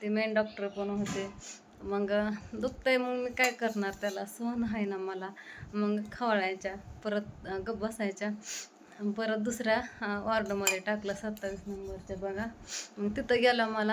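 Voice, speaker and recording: A young woman chats at home, worn out and short of breath. Her voice stays flat and even, with little rise or fall. A faint household hum sits behind her. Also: normal speed. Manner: tired, breathless, low-key storytelling. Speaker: vlogger. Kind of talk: casual home vlog chat. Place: home kitchen.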